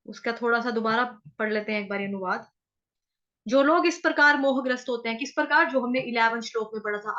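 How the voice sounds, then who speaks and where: A woman from North India teaching scripture chanting in an online class, explaining pronunciation syllable by syllable and chanting words slowly. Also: sits high, fairly bright tone, highs cut off. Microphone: video call.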